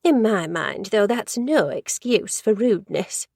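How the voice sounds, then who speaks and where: A woman with a mid-range, darkish voice reads from a storybook, playing a judgmental, gossipy older woman employed in an office who wanders off topic and rambles. She speaks expressively and unhurriedly, and the studio recording is clean, with no echo.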